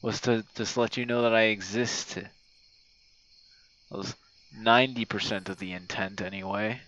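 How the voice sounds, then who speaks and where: A man who creates online audio and streams games talks at normal speed in a fairly low, fairly bright voice with fairly even intonation. His rambling, hesitant monologue sounds like a voice message to a friend, casually sprinkled with swearing. The recording is dry and lo-fi, with outdoor night crickets and insects.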